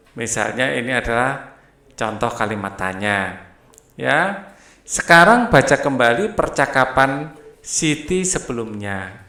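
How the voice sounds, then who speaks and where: A man teaching a primary school textbook lesson, explaining slowly and often adding "ya". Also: mid-range voice, sharp tone. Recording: echoey room.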